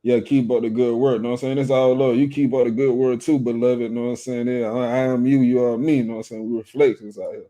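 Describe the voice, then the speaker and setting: Mellow laid-back man hosting a livestream. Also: medium pitch, little pitch movement, fast, few pauses. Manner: laid-back, laughs often, reads out viewer comments. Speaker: livestream host. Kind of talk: casual livestream chat.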